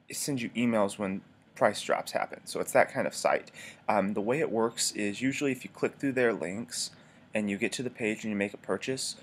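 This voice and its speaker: A man's voice: fairly low pitch, slight background noise. A man with a stuffed-up, nasal voice from allergies, narrating an informal screencast tutorial in a conversational, explanatory way. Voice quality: congested, nasal. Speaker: tutorial presenter. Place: voice-over for a screen recording.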